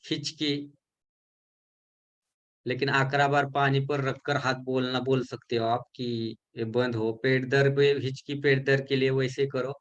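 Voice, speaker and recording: A man giving a recorded lesson for a healing course, explaining slowly and repeating syllables to show how they are spoken. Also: mid-range voice, little pitch movement, dull audio. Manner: mixes English terms into his explanations.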